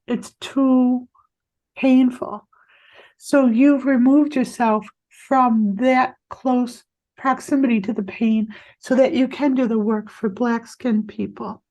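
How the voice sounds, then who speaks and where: A woman energy healer guiding a client in a healing session, talking in a soothing, reassuring way with halting restarts. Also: a little high, steady tone, mellow.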